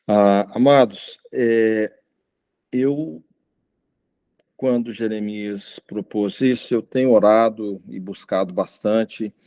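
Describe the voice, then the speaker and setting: A man's voice: on the low side, takes it slowly, dark tone. A middle-aged man from Goiânia, preaching an informal sermon, hesitant with many fillers and restarts. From Goiânia, Brazil. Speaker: visiting preacher.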